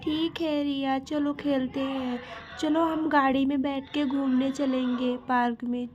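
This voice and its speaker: Sita, a woman voicing an excited little girl. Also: high-pitched, a little slow, lo-fi sound.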